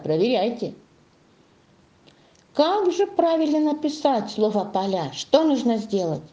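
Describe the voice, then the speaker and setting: A woman teaching a primary school class, coaxing the children with sing-song questions and drawing out words slowly as she dictates. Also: mid-range voice, warm tone, highs cut off. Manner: slow, drawn-out dictation to young children. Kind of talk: classroom lesson.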